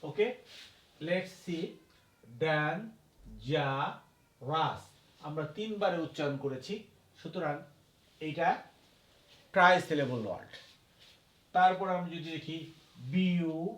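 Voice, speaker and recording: A man teaching a grammar lesson at a board. He talks slowly, repeats each point and spells words out letter by letter. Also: a little high, a bit bright, echoey room. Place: classroom.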